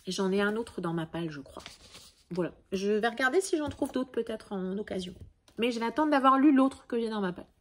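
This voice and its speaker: Woman rambling about books, a bit high-pitched, lots of euh and restarts. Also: animated, a little fast. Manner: chatty, with frequent fillers and restarts. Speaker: book vlogger. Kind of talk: casual book review monologue.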